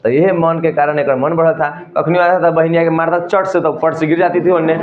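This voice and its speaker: A man with a Bihari Hindi accent talks students through a story in a homely, colloquial way, often asking a question and answering it himself. His voice sits a little high. The sound is echoey and narrow, like a phone line. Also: fairly even intonation, brisk. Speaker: teacher.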